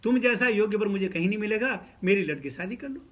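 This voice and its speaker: A man's voice: sits high, expressive, fast talker, fairly bright tone. A man voicing a humble male priest pleading to serve a sage, told as a sermon story.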